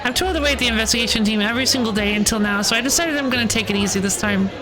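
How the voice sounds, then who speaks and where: A woman's voice: on the high side, rapid-fire, crowd noise, lightly acted, low-quality recording. A woman voicing a carefree, tipsy man in a video game, breezy and familiar as he talks. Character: carefree, boastful, tipsy man dodging work to party. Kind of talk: reading video game dialogue aloud in character.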